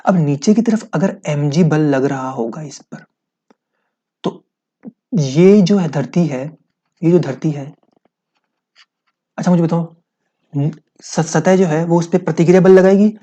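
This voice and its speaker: A man's voice: fairly high pitch, unhurried, pauses often, mellow. A man teaching a physics lesson, explaining step by step, asking his students questions and repeating key points.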